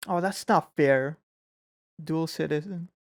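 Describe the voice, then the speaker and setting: Guy doing a reaction vid, kinda gravelly, skeptical, calls people out. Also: fairly high pitch, dry recording. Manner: chatty, skeptical, quick to call people out. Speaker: reaction channel host. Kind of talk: casual reaction commentary.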